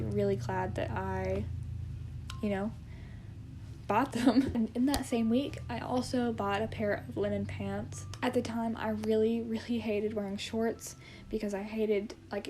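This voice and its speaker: A woman's voice: medium pitch, warm tone, a little hiss or hum. A woman in her twenties chatting casually to camera, hesitant and rambling, often correcting herself as she goes. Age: 20s. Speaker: vlogger. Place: indoor room at home with plants.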